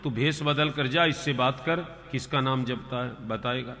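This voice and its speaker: A man voicing a calm, indulgent male god who speaks gently to his wife. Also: medium pitch, moderate pace, big-room sound.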